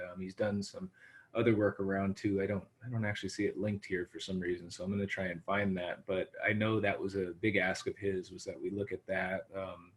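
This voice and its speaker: Low-voiced man running a meeting. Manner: rambling, self-correcting. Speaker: meeting organizer. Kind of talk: casual meeting discussion. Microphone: video call.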